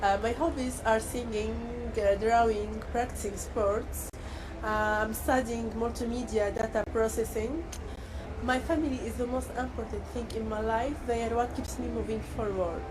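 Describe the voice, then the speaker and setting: A woman's voice: a little high, fairly even intonation, normal speed. A twenty-four-year-old woman from Tunisia, giving a hesitant, rehearsed pageant self-introduction. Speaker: pageant contestant. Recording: noticeable background noise.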